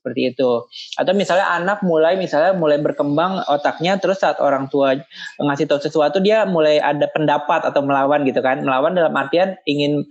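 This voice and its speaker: Guest expert, measured and explanatory, mid-pitched voice, muffled recording. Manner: calm and explanatory, acts out scolding parents in a raised voice. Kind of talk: explaining in a podcast interview. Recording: muffled lo-fi audio.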